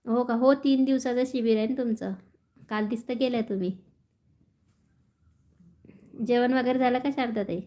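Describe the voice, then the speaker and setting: A woman's voice: fairly high pitch, steady tone, a little fast, dark tone. A woman chatting casually on a phone live stream, reading out viewer comments and laughing often. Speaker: vlogger reading live chat.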